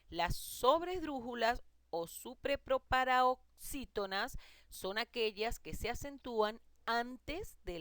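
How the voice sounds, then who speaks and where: A woman's voice: medium pitch, fairly bright tone, clean tone, no room sound. Female teacher, patient explainer, mid-range voice, dry close recording. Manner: patient, explanatory, lists examples slowly. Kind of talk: recorded online grammar lesson.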